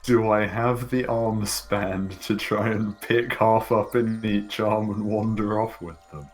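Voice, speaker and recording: Brief: blunt male player, unhurried speech, faint music behind. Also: on the low side, fairly even intonation. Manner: blunt, swears freely. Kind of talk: casual chat at a tabletop game.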